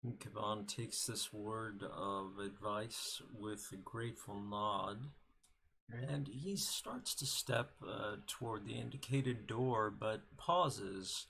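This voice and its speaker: A man narrating his character's actions in a tabletop game, measured, with pauses and fillers. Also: fairly low pitch, vocal fry, bright, forceful tone. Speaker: player.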